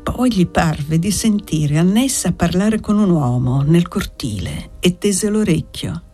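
A narrator reading a novel aloud in a measured, steady way. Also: medium pitch, faint music behind. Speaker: audiobook narrator. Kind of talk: scripted narration.

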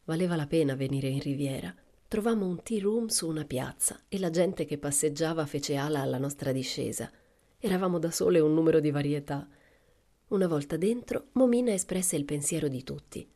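A woman narrating a novel for an audiobook in a calm, measured way, with soft whispered asides. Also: sits low. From Italy. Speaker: audiobook reader.

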